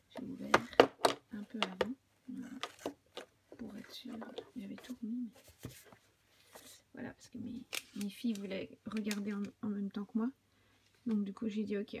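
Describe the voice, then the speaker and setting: A woman's voice: medium pitch, background noise. A middle-aged French woman hosting a podcast, chatting casually as she unboxes a parcel, often half-whispering and gushing. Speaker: podcast host.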